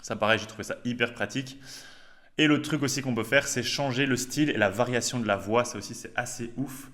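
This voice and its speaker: A man hosting a casual tech demo, talking in a relaxed, chatty way with slang and frequent hesitations. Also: medium pitch, a little fast. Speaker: host.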